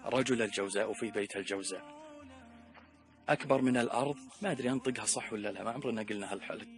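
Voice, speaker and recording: A man with a Saudi Gulf Arabic accent giving a religious reflection talk, emphatic, with loud exclamations and hushed asides. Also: fairly low pitch, racing. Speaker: preacher.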